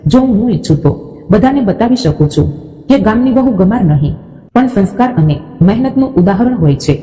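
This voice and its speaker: Storybook figure: humble village bride, read by a woman, soft dark voice, reverberant. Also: mid-range voice, lively intonation, moderate pace, natural voice. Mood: modest. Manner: soft, modest.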